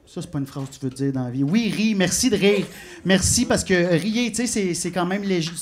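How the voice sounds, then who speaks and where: On a comedy club stage, a man with a Québécois French accent performs live stand-up, telling self-mocking stories and confiding in the audience. His voice sits high and his pace is brisk. Loud laughter from the crowd fills the live recording, with slight background noise.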